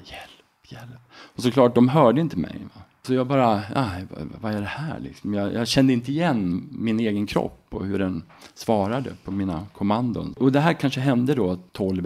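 A middle-aged man from Sweden, a podcast guest, telling a story in a relaxed, halting way with frequent tag questions. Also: mid-range voice, creaky. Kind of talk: casual storytelling.

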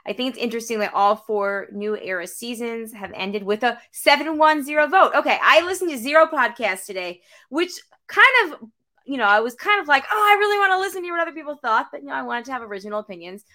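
Woman, podcast co-host, casual chat, laughs often, bright tone, slightly high voice. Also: brisk.

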